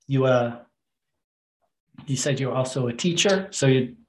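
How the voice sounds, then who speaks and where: A man's voice: medium pitch, lively intonation, measured pace, darkish tone, slight background noise. A man interviewing a guest in a casual chat, with frequent brief affirmations. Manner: friendly, short affirmations.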